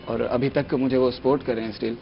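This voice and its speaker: A man's voice: mid-range voice, steady tone. Young man chatting eagerly, lo-fi sound. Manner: eager, chatty, sprinkles English words. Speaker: guest mimicry artist. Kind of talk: casual TV chat. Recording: dull lo-fi TV studio sound, faint music.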